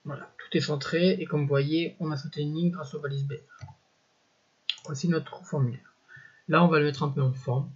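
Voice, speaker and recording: A man giving a casual, think-aloud coding walkthrough over a screen recording, often pausing to correct himself and filling gaps with little interjections. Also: on the high side, fairly even intonation, husky, highs cut off. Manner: thinks aloud, peppered with "voilà" and "hop"; self-correcting, halting phrasing. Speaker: coding tutorial instructor.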